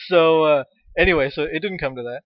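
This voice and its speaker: A man telling a funny story in casual chat, ranting with profanity and animated energy. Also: on the high side, fairly quick. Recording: dull, dry lo-fi sound.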